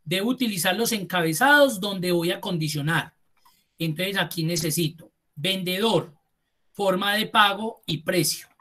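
A man's voice: high-pitched, unhurried, pushed and bright. A man teaches a live class and walks students through each step with patience. He thinks aloud as he goes, restarting phrases and stretching out some words. He speaks to the students in a polite, formal way. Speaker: Excel instructor. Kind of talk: live online class walkthrough.

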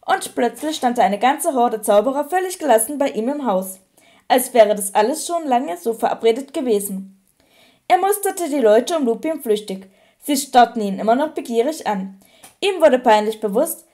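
A woman narrating an audiobook with clear, even storytelling. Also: fairly high pitch, normal speed. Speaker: audiobook reader.

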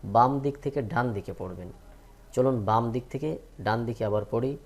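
A man teaching Quran reading, drilling letter names slowly between plain advice to learners. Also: mid-range voice. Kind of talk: slow recitation lesson.

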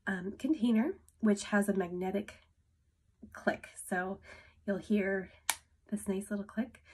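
A woman in her thirties, congested from a cold, chats casually to camera while demonstrating a lipstick, with lots of ums. She's a beauty vlogger in a small room at home; her medium-pitched voice is gravelly and darkish with a breathy edge.

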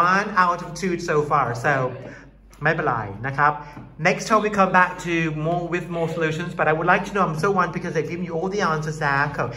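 A man with a Thai accent teaching an English class. His voice sits a little high, and he talks unhurriedly. He encourages the students warmly as he moves between English and Thai. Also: slight background noise.

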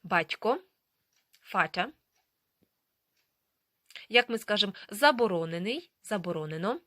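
A woman teaching a language lesson, slowly and carefully modelling pronunciation and drilling words. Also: mid-range voice, animated, a bit bright, no room sound, studio quality.

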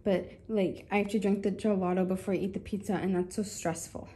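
A young woman chatting casually in a travel vlog, quick and a bit complaining. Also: mid-range voice, level tone, mellow, breathy edge. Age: young adult. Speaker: vlogger.

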